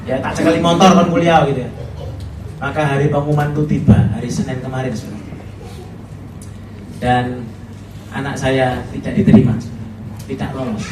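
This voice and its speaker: A man's voice: mid-range voice, steady tone, moderate pace, long pauses, background noise. A middle-aged man with a Javanese accent, preaching a chatty, humorous sermon as a pastor. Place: church hall. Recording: echoey hall, voice from far off.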